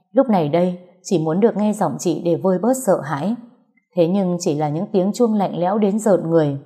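A woman reads a first-person story aloud in a soft, steady voice. Her voice sits low with a warm, mellow tone. It is scripted storytelling narration. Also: husky.

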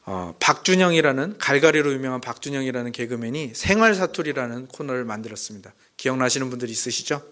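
A man's voice: expressive, quick pace, few pauses, a bit bright. A man preaching a sermon as pastor to his congregation, asking them questions and acting out quoted lines and jokes. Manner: addresses the congregation directly with questions; acts out dialect jokes and quoted lines with rising pitch. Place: church.

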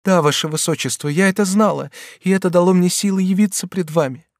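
A man's voice: sits high, fairly quick, no echo, studio quality, pitched above the performer's own voice. A man reading an audiobook voices a timid, desperate young woman pleading with a prince, in a raised, strained voice. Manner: pleading and tremulous.

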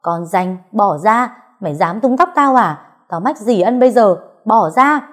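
A woman voicing a spiteful young female rival who whines and accuses in a shrill, raised voice. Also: moderate pace, warm tone, natural voice. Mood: shrill accusing.

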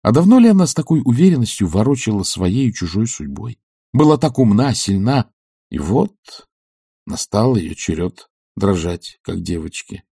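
Give me a male narrator reading a classic novel with a deep, dark voice. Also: sing-song, moderate pace, vocal fry, husky, no echo, studio quality. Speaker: audiobook narrator. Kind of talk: literary audiobook narration.

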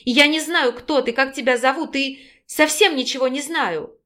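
A woman's voice: animated, very slow, fairly bright tone, exaggerated voice. Woman reading as an indignant hurt young woman. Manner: shrill, indignant. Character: hurt, frightened, hot-tempered young woman. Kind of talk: audiobook reading.

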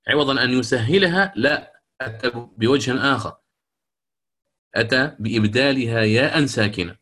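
A middle-aged man with a mid-range voice teaches the rules of Quran recitation. He asks questions and answers them himself. He chants the verses slowly to show each rule. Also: mid-range voice, a bit bright.

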